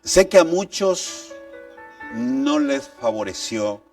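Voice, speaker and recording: A male pastor preaching with a gravelly, somewhat high voice. His delivery rises and falls widely, and he pushes his points with rhetorical questions. He sounds distant from the mic, with faint music underneath. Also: big pitch swings, slow, darkish tone. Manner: emphatic, reads scripture aloud, asks rhetorical questions. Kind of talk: sermon.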